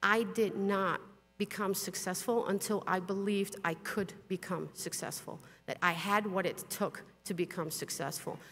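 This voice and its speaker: A middle-aged native Dutch speaker delivers a blunt conference talk, dropping in some mild swearing. Her mid-range voice is steady and a bit bright, a little slow, with long hall reverb from the big venue and a slight hiss or hum.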